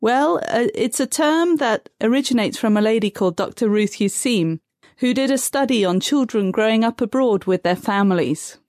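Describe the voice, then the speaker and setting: Calm woman explaining, dry sound. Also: on the high side, moderate pace, dry recording. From Tanzania. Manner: calm, methodical, defines terms step by step. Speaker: guest expert on third culture kids. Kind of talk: measured explanatory interview answers.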